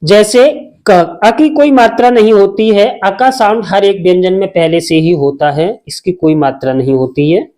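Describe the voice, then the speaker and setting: A man's voice: high voice, normal speed, hardly any pauses, warm tone. A man teaching Hindi spelling, drawing out and repeating syllables and answering his own questions. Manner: asks a question and answers it himself. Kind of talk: slow spelling lesson.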